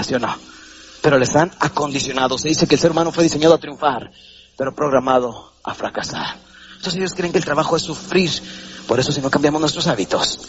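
A Mexican man with a mid-range voice gives a live motivational seminar talk in a hall, animated and theatrical, acting out voices and quizzing the audience. The muffled recording has a little hiss or hum.

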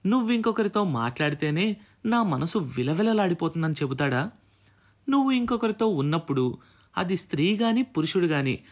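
A man narrating a novel as an audiobook, in a measured, reflective storytelling manner. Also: on the high side. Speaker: radio jockey and audiobook narrator.

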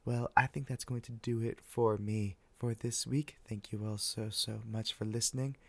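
An older man hosting an ASMR podcast, speaking softly and whispering close into the ear in a wry, deadpan ramble. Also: mid-range voice, moderate pace, no room sound. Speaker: podcast host. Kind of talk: soft ASMR podcast monologue.

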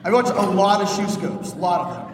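A man in his thirties from Pittsburgh giving an energetic conference keynote with punchy jokes, recorded on a phone from a stage in a large hall. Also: high voice, recorded from a distance. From Pittsburgh, Pennsylvania, USA. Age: 30s. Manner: fast, punchy, joking with the crowd. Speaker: keynote speaker.

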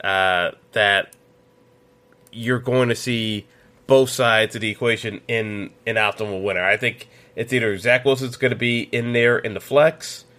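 A man's voice: lowish voice, fairly even intonation, a little slow, pushed and bright. A man hosting a solo sports podcast, giving opinionated betting picks in a casual way with lots of fillers and restarts. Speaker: podcast host.

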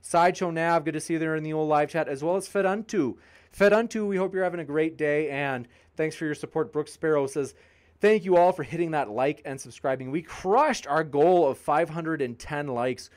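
Male live-stream host, higher-pitched, upbeat and jokey, reading out chat comments. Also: normal speed. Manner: upbeat, joking, reading viewer comments aloud. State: tiring, pausing to drink. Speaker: debate channel host.

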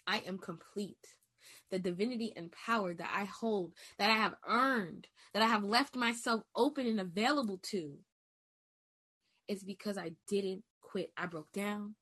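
Bright-voiced young woman preaching to herself. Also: medium pitch, moderate pace, husky. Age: 20s. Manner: preacher-like, emphatic, with call-and-response asides; moves between loud declarations and soft, hushed affirmations. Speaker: podcast host. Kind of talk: reflective personal monologue.

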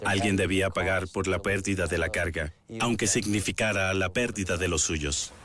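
A man's voice: low voice, moderate pace, background noise, lightly acted. A male actor dubbing a sober police detective giving documentary testimony. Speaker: dubbed police detective interviewee.

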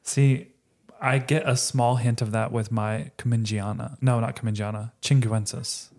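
A woman hosts a casual podcast chat with an unusually deep voice. She moves things along with plain, matter-of-fact questions. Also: steady tone, moderate pace, darkish tone. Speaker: podcast host asking questions.

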